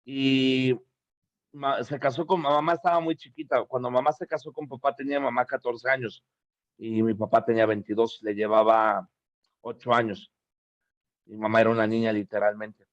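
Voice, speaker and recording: A man's voice: medium pitch, fairly even intonation, moderate pace, no echo. A middle-aged man preaching a sermon, emphatic and repetitive, asking the congregation rhetorical questions. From Mexico. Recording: dull, dry lo-fi sound.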